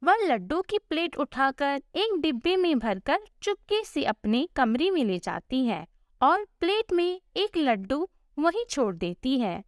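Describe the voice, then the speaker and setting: A woman narrating a scripted family story in a slow, expressive storytelling manner. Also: high-pitched, no room sound, clean studio sound.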